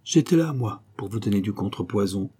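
A man voicing a mysterious armorer who speaks in a composed, ironic way, a little higher than his narration. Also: expressive, fairly quick, warm tone, breathy edge. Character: shrewd, cool mysterious armorer, adult man.

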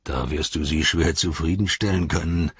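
A man putting on a sly sneering orc soldier, very deep and husky, drawling slow and mean, heard on a dull lo-fi audiobook track. The voice is dry and close, with no room around it. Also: steady tone, no echo, full character voice. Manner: slow, heavy, sneering delivery.

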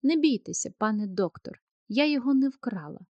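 A woman's voice: on the high side, expressive, brisk, no room sound, muffled recording, close to an everyday voice. A woman reading the part of a proud young post office clerk who answers coldly and reproachfully. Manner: cold, reproachful, turning tearful. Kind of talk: audiobook character reading.

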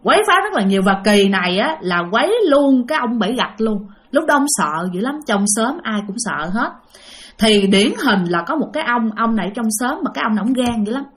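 A woman's voice: a little high, animated, moderate pace. A woman with a Southern Vietnamese accent telling a ghost story, addressing her listeners directly.

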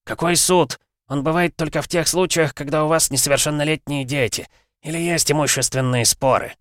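A man's voice: fairly high pitch, fairly even intonation, brisk, a bit bright, no echo, clean studio sound, pitched above the performer's own voice, lightly acted. A man voicing an irritated older father-in-law in an audiobook, scolding and blunt. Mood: exasperated. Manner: scolding, exasperated. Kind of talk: audiobook narration.

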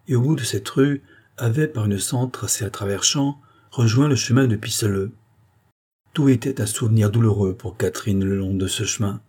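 A man reading a classic novel aloud in measured, scripted narration. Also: lowish voice, dark tone, breathy edge. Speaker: audiobook reader.

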